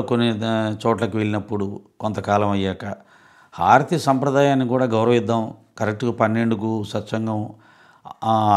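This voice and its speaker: A man giving a devotional scripture discourse as a satsang speaker, earnest and explanatory, often asking rhetorical questions. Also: mid-range voice.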